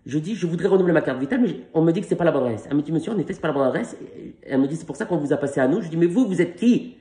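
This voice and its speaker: Middle-aged male comedian, rapid-fire animated storytelling, slightly high voice. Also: reverberant. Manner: animated, acts out phone calls in quick back-and-forth. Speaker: stand-up comedian. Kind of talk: stand-up storytelling. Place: stage.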